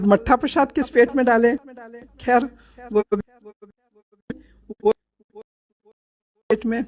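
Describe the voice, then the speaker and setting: A middle-aged woman telling a devotional story from a satsang visit, animated and laughing, acting out many quoted exchanges. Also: a little high. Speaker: devotee sharing a satsang experience. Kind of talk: storytelling testimony.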